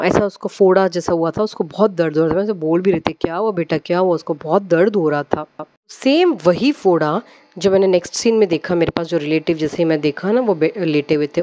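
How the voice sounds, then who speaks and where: A woman's voice: fairly low pitch, mellow, dry recording. A woman on a devotional channel casually retelling a dream, rambling, with many fillers and English words mixed in.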